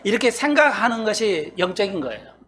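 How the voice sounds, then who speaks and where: High-pitched male pastor, chatty sermon delivery, quizzes the congregation and acts out their objections. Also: sing-song, brisk, bright, forceful tone, a little hiss or hum. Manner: conversational, asks the congregation questions and acts out their replies. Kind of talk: expository sermon.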